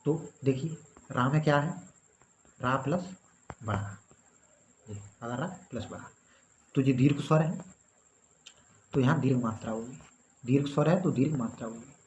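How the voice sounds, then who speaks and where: A man's voice: mid-range voice, a little slow, long pauses. A man teaching a grammar lesson. He explains step by step and keeps checking in with his students. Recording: slightly dull recording with faint background noise.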